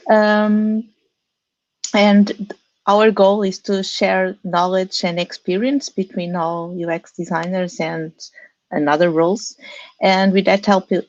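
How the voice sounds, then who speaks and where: A woman's voice: fairly low pitch, a little mellow, no echo, highs cut off. A woman welcoming people to an online community session as host.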